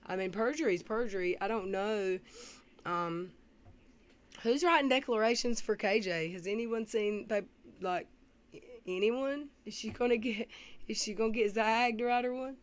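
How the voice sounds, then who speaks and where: Woman doing casual livestream commentary. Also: on the high side. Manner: frequent throat clearing, pausing to read comments. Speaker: livestream commentator reacting to clips. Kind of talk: casual reaction commentary, reading live chat. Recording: faintly noisy livestream audio.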